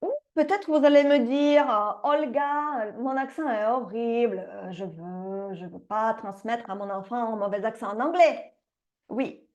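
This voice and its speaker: A woman who teaches English to young children, talking straight to parents in a lively online lesson. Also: on the high side. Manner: lively, addresses parents directly, laughs now and then. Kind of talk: direct-to-camera online lesson pitch.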